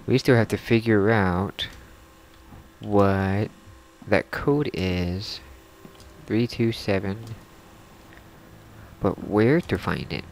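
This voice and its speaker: A man's voice: lowish voice, extremely slow, vocal fry, pauses often, a little hiss or hum. A man commenting as he plays a horror game, nervously muttering to himself and tripping over words when he reads aloud. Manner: stumbles when reading aloud. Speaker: video game player.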